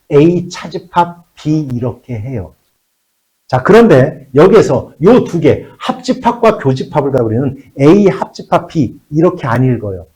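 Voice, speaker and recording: Lively-voiced man teaching a math class. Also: medium pitch, poor audio. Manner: checks in with the students constantly, repeats key phrases; switches between polite and casual speech. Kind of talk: classroom lecture.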